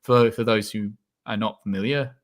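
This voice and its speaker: A man's voice: fairly low pitch, fairly even intonation, normal speed. A young Australian man in casual livestream chat as a guest physicist, talking in a rambling, hesitant way over a video call. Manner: rambling, hesitant, restarts often.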